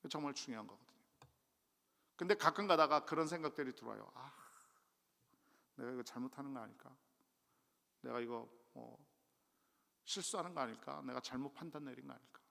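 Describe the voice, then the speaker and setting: Middle-aged man, gravelly bright voice, guest pastor, chatty self-mocking sermon, church reverb. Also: mid-range voice, a little fast, pauses often. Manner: conversational, self-deprecating preaching with sudden loud rises. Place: church sanctuary. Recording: long church hall reverb.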